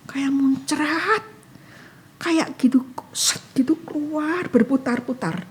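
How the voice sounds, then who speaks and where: A woman's voice: high-pitched, slow. A woman giving an emotional testimony in casual talk, acting out her own prayers. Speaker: guest sharing a testimony.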